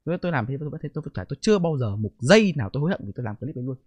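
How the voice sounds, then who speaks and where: A middle-aged man rants on his live stream, blunt and profane. He talks fast with a swooping, lively pitch. The sound is close and dry. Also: no echo, lo-fi sound. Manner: blunt, profane, defensive ranting. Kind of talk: live stream reaction commentary.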